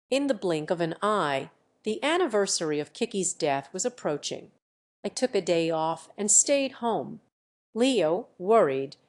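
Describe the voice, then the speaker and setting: A woman narrating a romance story in a steady, even storytelling voice. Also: mid-range voice. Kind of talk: scripted audiobook narration.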